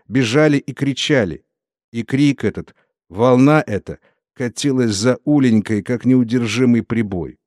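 A man narrating a literary novel in a steady, solemn storytelling manner. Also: mid-range voice, no room sound, clean studio sound. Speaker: audiobook narrator.

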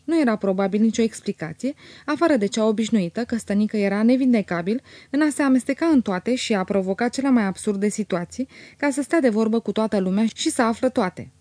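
A woman with a slightly high voice narrates a classic novel as an audiobook in a measured, expressive way. There's no echo.

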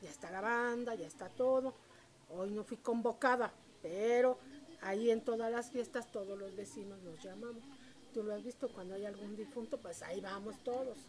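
A woman, telling stories in a lively, chatty and devout way during an interview. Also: mid-range voice, moderate pace. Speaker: interviewee, local shop owner. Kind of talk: casual storytelling interview. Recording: street crowd noise behind.

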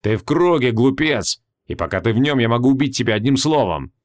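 A man's voice: medium pitch, lively intonation, fairly quick, natural voice. A man playing an arrogant, sneering ancient archmage who talks with scorn and mockery. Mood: menacing. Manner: scornful, mocking.

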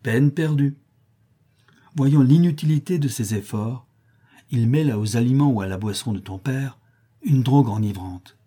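A man voicing an old Mexican nurse woman, speaking gently and persistently. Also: mid-range voice, normal speed, slightly rough, lightly acted. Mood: earnest.

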